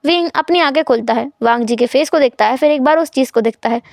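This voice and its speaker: A woman narrating a fan fiction story in a chatty, expressive way. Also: high-pitched, quick pace, creaky, no echo, clean studio sound.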